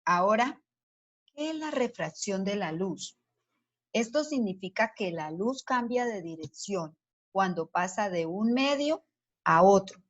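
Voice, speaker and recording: A woman's voice: mid-range voice, animated, unhurried. A woman teacher giving a science lesson to children, explaining patiently step by step and asking the class questions as she goes. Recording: dull lo-fi sound.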